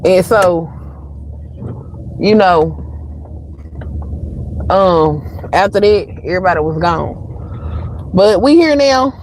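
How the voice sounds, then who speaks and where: A woman's voice: fairly low pitch, expressive, takes it slowly, pauses often, a little mellow. Sassy Southern woman, middle-aged, casual livestream host, noisy room with passing cars. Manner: chatty, sassy, talks straight to viewers.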